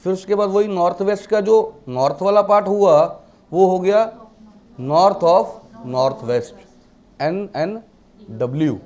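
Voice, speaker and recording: Speaking slowly in a high, darkish voice, a vastu teacher lectures his class, weaving English terms into Hindi and asking the students rhetorical questions.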